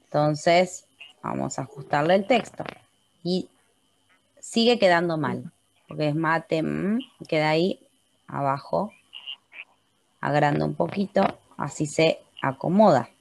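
Gravelly-voiced Argentine woman teaching software. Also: sits low, slow pace, long pauses, a little hiss or hum. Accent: Argentine Spanish. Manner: patient, checks in with frequent "¿sí?". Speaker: computer class teacher. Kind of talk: step-by-step software tutorial. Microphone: computer mic in a webinar.

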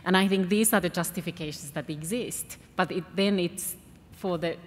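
A woman's voice: lowish voice, moderate pace, a little hiss or hum. A woman from Finland answering a question on a conference panel, earnest and often repeating words as she thinks, speaking into a table microphone in a large hall. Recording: reverberant hall, faint ambience.

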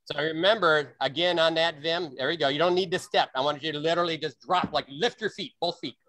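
A man coaching a virtual sword-fighting practice on a video call, explaining and demonstrating with sharp bursts of breath. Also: on the high side, brisk, a little hiss or hum.

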